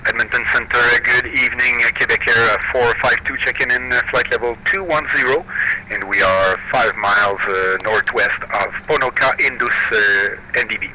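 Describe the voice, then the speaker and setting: A man making clipped aviation calls as a pilot over a cockpit headset radio, pausing on "uh" between phrases. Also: medium pitch. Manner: halting, many "uh" fillers between radio phrases. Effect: pilot heard over a cockpit headset radio link. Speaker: pilot player on a flight sim network. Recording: noisy, distant radio feed.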